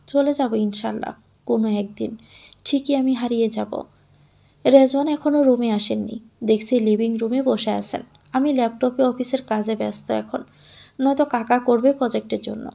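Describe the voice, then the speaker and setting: A woman reading a first-person story in a measured, plaintive way, her higher voice slightly gravelly. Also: warm tone. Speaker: story narrator.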